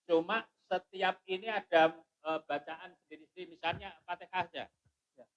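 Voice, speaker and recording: Male tajwid teacher, highish bright voice, unhurried overall. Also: steady tone, lo-fi sound. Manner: slowly intones verses, then explains briskly. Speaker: Quran recitation teacher. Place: mosque.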